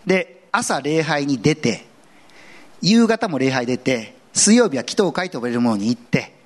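A man pastor giving an earnest sermon in a conversational way, with casual asides mixed in. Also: moderate pace. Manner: earnest, conversational preaching with lively swings in pitch.

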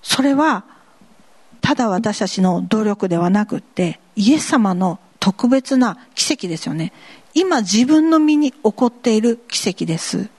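A woman pastor preaching a lively sermon, asking the congregation questions and acting out voices. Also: medium pitch, measured pace, breathy edge. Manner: lively and animated, asks the congregation questions, laughs, mimics voices.

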